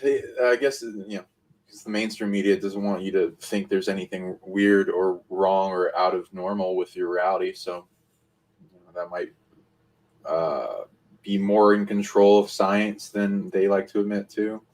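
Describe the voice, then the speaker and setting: A man's voice: low voice, steady tone, unhurried, darkish tone, low-quality recording. A man co-hosting a live stream who rambles through speculative, loosely joined thoughts. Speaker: co-host. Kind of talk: casual live-stream talk.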